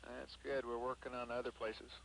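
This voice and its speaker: A man at mission control answering calls over a radio loop in terse, calm radio protocol. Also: mid-range voice, normal speed, gravelly, a little hiss or hum, low-quality recording. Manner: calm, clipped call-and-answer.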